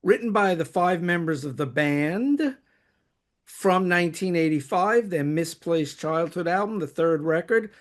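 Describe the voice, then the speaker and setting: A man's voice: fairly high pitch, lively intonation, a little slow. A man with a New York accent, hosting and reading from prepared notes as he ranks favourite songs. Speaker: host.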